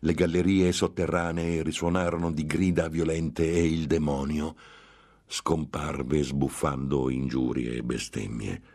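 A man's voice: extremely low pitch, fairly even intonation, measured pace, a little mellow. A man narrating a gothic tale in a grave, dramatic audiobook reading.

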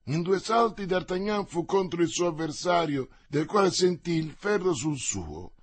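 A man narrates an adventure novel aloud in a steady, measured way. His voice sits a little high, with a husky, breathy texture. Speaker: audiobook narrator. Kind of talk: scripted narration.

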